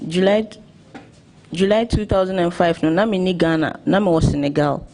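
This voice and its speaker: A man's voice: high voice, normal speed, darkish tone. A man working as an interpreter at a hearing, steadily relaying questions and answers. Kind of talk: consecutive interpreting.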